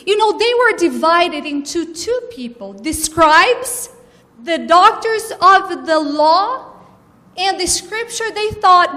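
A woman with a Brazilian Portuguese accent gives a sermon as a guest preacher, speaking earnestly and unhurriedly with frequent filler pauses. Her high, pushed, bright voice delivers words slowly, and each phrase trails off into a long reverb.

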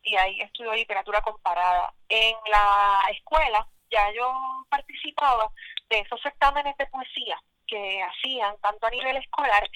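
A woman's voice: a little high, bright, forceful tone, no room sound, poor audio. Woman, 40s, Puerto Rican accent, interview guest, reflective with fillers, dry close sound. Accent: Puerto Rican Spanish. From Puerto Rico. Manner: reflective, many fillers and restarts. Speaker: guest poet. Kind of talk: casual interview.

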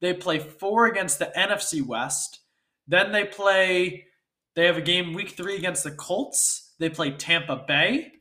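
Speaking a little slowly, a congested man with a stuffy nose hosts a laid-back sports talk show, chatty and frequently seeking agreement. His voice sits high with a sharp tone.

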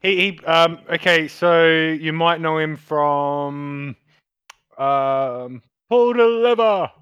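Aussie guy, slow and hesitant, bright clear voice, a bit higher. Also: no echo, highs cut off. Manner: hesitant, many fillers and false starts. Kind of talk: casual gaming chat.

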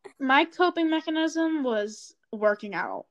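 Bubbly high-voiced teen girl podcaster. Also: lively intonation, a little slow, dull audio. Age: teens. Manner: bubbly, chatty, earnest encouragement. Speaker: podcast co-host. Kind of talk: casual podcast chat.

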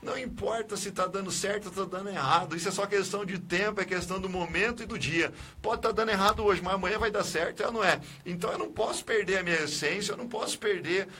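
A man's voice: sits high, fast, few pauses, bright, forceful tone, husky. A man, a pastor hosting a religious radio call-in, affirming and exhorting his caller. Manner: affirming, exhorting, often adds "né?".

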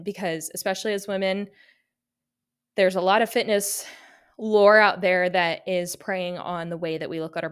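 A young woman talks alone on her podcast in a smooth, clear voice pitched a little low. She sounds earnest and reflective, with an upbeat lift. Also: a bit bright. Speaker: podcast host. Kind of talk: solo podcast monologue.

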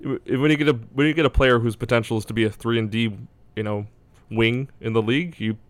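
A man's voice: medium pitch, fairly even intonation, fast, no echo. A man talking casually as a basketball draft analyst, hedging and thinking aloud as he goes. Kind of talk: casual sports discussion.

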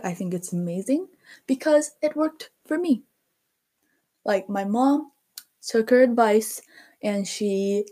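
Teen girl from korea doing a chill podcast, slow and warm, lots of ums and likes. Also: mid-range voice. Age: teens. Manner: chatty, lots of fillers like "um" and "like". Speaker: podcast host. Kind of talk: casual solo podcast monologue.

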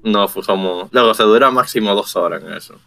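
A man's voice: fairly low pitch, fairly quick, creaky, pushed and bright. A young man with a Dominican accent chatting casually with friends in slangy speech. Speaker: podcast co-host.

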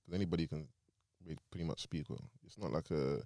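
A man's voice: very deep voice, fast, mellow, no echo, clean studio sound. A young man, talking casually in a group discussion.

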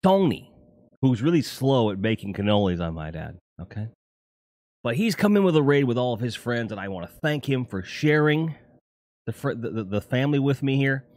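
A middle-aged man hosts a livestream, chatting casually with viewers in a rambling, profane way. His pitch sits in the middle range. The sound is dry and close, with no room echo. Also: sing-song, moderate pace, darkish tone. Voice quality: profane, rambling, self-correcting. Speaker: livestream host. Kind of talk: casual chat.

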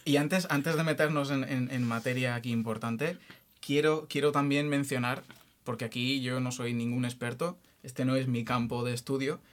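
A man's voice: mid-range voice, fairly even intonation, normal speed. A man hosting a casual podcast, explaining vaccines in a jokey way and often restarting his sentences. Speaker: podcast host explaining science.

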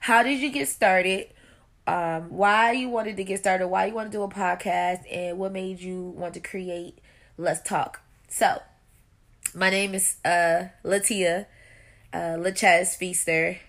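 A woman in her thirties talks through her first solo podcast in a loose, rambling way. Her voice sits low for a woman, with a gravelly fry, and it sounds stuffy and nasal from congestion. She laughs easily and keeps talking. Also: steady tone, slow, a bit bright. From Buffalo, New York. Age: 30s. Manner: chatty, rambling, laughs often. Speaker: podcast host. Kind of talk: casual solo podcast monologue.

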